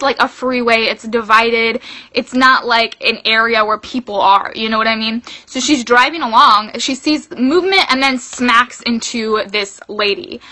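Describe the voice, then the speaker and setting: A young woman tells a story in a casual, chatty vlog style, scattering "like" through her sentences. Her voice sits a little high and sounds bright and forward. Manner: chatty, fills with "like". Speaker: vlogger.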